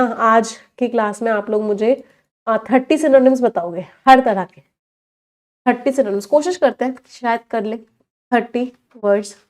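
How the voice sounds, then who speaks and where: A woman with an Indian accent teaching English vocabulary in a live online exam-prep class, mixing Hindi and English, asking the class questions and drawing out each English word slowly. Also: a little high, a little mellow.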